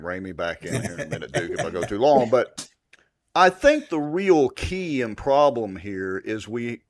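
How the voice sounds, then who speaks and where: A man co-hosting a political talk show, blunt and opinionated. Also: medium pitch.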